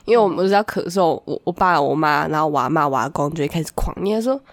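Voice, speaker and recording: Woman, has a cold, coughs, casual podcast chat, animated storyteller, very lively intonation. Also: sits low, quick pace, dry recording. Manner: animated storyteller, mimics voices. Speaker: podcast co-host.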